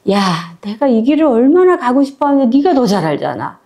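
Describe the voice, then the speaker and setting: Calm, tender old grandmother near death, slow and soothing, read by a woman storyteller. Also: high-pitched, voice pushed up.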